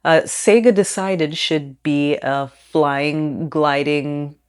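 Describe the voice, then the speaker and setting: A young adult woman hosting a science explainer video, reading a script with casual asides and bursting into giggly, excited outbursts. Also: low voice, slow pace, clean tone.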